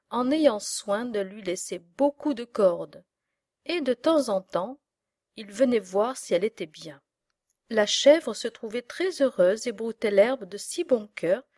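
A woman reading a storybook aloud in a measured, expressive way. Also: fairly high pitch, no echo, studio quality.

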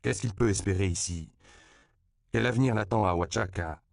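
A man's voice: sits low, normal speed, gravelly, no room sound, clean studio sound, voice pushed up. A man voicing an outspoken middle-aged doctor who argues heatedly, in an audiobook. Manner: heated, shouting.

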